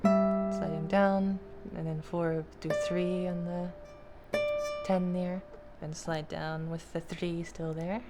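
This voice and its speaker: Female guitar teacher, slightly low pitch, casual and self-deprecating, trailing off with fillers, loud guitar playing under her. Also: level tone, slow pace. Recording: guitar playing loudly behind. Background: acoustic guitar.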